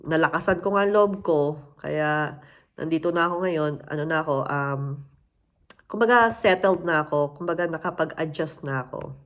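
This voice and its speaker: A Filipino woman with a fairly low voice and a Filipino accent tells her own story in an easy, conversational way. She mixes English phrases into her speech and now and then acts out the voices of people she met. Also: normal speed, a bit bright. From Philippines. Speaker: interviewee sharing her immigrant story. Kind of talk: casual storytelling.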